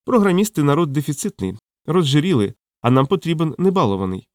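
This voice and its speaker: A man's voice: on the high side, very animated, fast, dry recording, studio quality, pitched above the performer's own voice. A man voicing an eager, persuasive local man who is keen to recruit a programmer. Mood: enthusiastic. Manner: enthusiastic, insistent.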